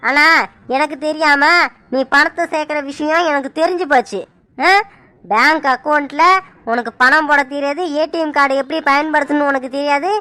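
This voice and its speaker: A woman voicing a high, scolding village husband. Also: bright, forceful tone. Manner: defensive, scolding. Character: defensive village husband, middle-aged, quick to anger. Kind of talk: cartoon voice acting.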